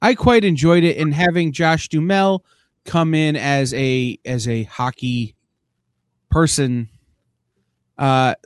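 A man's voice: medium pitch, no room sound. A man hosting a casual chat show, making dry, self-deprecating jokes. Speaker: podcast host.

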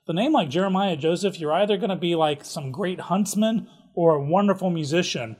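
A man's voice: high voice, a little fast, a little mellow. A man hosting a casual local events rundown, chatty and jokey with offhand asides. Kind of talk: casual community calendar rundown.

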